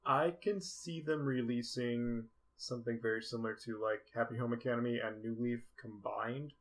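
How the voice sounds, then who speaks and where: A man's voice: medium pitch, steady tone, moderate pace. Laid-back man in gaming chat. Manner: laid-back, swears casually. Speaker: podcast co-host.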